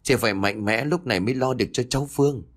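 A man reading a story aloud and voicing a kind village neighbor man who speaks briskly and encouragingly. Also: mid-range voice, natural voice.

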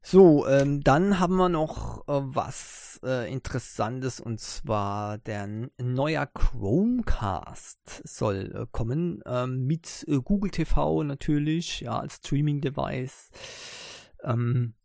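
A man's voice: mid-range voice, lively intonation, slow, creaky, darkish tone, no room sound, clean studio sound. A man hosting a casual tech news podcast, talking with many hesitant fillers. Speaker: podcast host.

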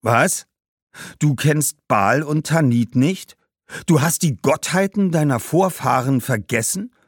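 A man voicing the boastful ghost of an old warrior ancestor, speaking slowly and indignantly in a storybook. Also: lively intonation, husky, no echo, clean studio sound, heavily acted. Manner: slow, booming and indignant.

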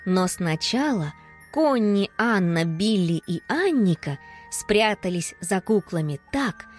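A woman reads a children's story aloud with a lively, expressive delivery. Her voice sits at a middle pitch but moves freely up and down with the action. Faint music plays underneath. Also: slow pace. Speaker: audiobook narrator.

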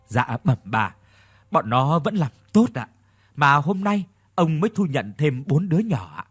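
A man's voice: fairly high pitch, big pitch swings, a little slow, fairly bright tone, breathy edge, exaggerated voice. A man voicing a deferential middle-aged head maid in an audio story, answering politely.

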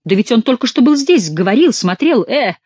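A rattled young nobleman in a storybook reading, as the narrator puts him on, answering with dry irony. The voice sits at a middle pitch. It is recorded close and dry, with no room sound. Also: big pitch swings, brisk, a little mellow, husky, no echo. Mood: wry. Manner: ironic, dryly joking. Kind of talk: audiobook reading.

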